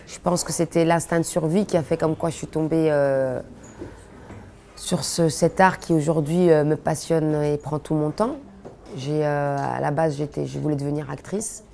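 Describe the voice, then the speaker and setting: Low gravelly Belgian-born woman chatting. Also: normal speed, a little hiss or hum. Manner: relaxed, chatty, many fillers and restarts. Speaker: interviewee, comedian. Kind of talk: casual interview answers.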